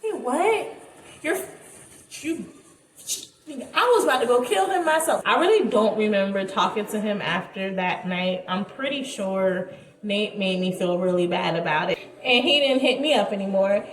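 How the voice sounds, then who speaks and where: A woman's voice: medium pitch, expressive, normal speed, echoey room, slight background noise, poor audio. A young woman vlogger telling a story in a casual, dramatic way, with laughing asides.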